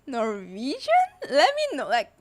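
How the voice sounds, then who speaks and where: A young woman streams a game and chats casually in an unhurried way, filling her talk with lots of "like." Her high voice swoops wildly in pitch.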